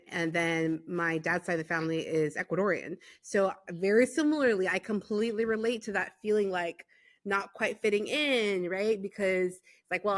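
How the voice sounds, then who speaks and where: A woman from Los Angeles hosting a podcast, affirming her guest often with mm-hmms and enthusiastic replies. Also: medium pitch. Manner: warm, affirming, frequent mm-hmms. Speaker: podcast host. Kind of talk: casual interview chat.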